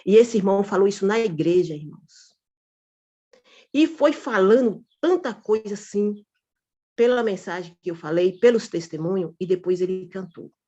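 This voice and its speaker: Woman, informal testimony, animated delivery, addresses brothers and sisters, muffled recording. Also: medium pitch, normal speed. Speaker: church member giving testimony. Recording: dull lo-fi recording.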